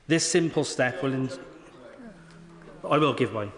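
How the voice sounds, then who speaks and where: A man's voice: mid-range voice, measured pace, a bit bright. British man giving a speech in a reverberant chamber. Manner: earnest, formal. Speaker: member of parliament. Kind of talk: prepared parliamentary speech. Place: large debating chamber. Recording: reverberant hall sound.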